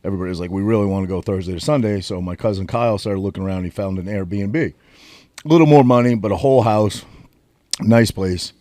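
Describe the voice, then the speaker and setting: This podcast co-host has a fairly quick, darkish voice on the low side, recorded cleanly in a studio with no room sound. He rambles through a profane road-trip tale, leaning on filler words in a laid-back storytelling chat.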